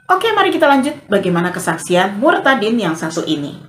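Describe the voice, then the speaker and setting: A woman's voice: mid-range voice, fairly quick, a little hiss or hum. A woman hosting her channel, giving emphatic religious commentary straight to her viewers. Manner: addresses viewers directly, lively and emphatic. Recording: roomy sound with faint background music.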